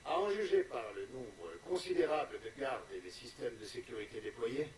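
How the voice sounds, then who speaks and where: A man's voice: medium pitch, big pitch swings, moderate pace, a little mellow, slight background noise. An actor playing a formal, assured male military commander giving a briefing in a video game. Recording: echoey room, slightly distant.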